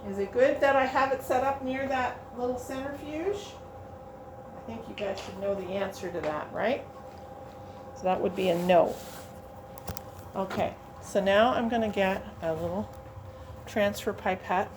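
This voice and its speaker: A woman's voice: medium pitch, measured pace, pauses often. Woman, lab instructor, hands-on demo, chatty, faint room hiss. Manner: chatty, thinks aloud while working. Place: teaching lab.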